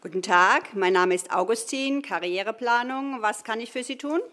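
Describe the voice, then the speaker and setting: An actress playing a polite, businesslike career-planning clerk in a customer service voice, in a comedy sketch. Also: female voice, on the high side, normal speed, fairly bright tone, lightly acted. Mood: polite, helpful. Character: polite female career-planning clerk at God's call centre. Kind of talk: scripted comedy sketch, phone hotline.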